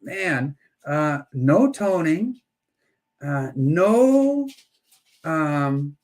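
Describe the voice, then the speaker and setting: A man's voice: fairly high pitch, sing-song, very slow, a little mellow. A man hosting a live coin auction, chatting and joking while he counts down bids. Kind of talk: casual live-stream auction chat.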